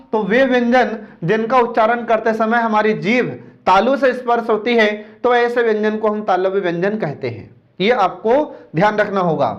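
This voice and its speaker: A man with a high voice teaches an exam-prep lecture, steadily asking questions and answering them himself. He repeats key terms slowly so students can memorize them. The recording sounds dull and lo-fi. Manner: drills points by asking and answering his own questions.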